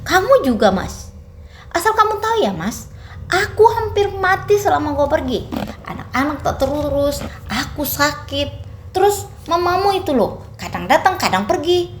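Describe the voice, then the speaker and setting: A woman's voice: a little high, animated, moderate pace, roomy sound, slight background noise, natural voice. A woman storyteller voicing a distressed wife who accuses her husband. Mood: accusing. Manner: accusing, shouting. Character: frightened, furious young wife.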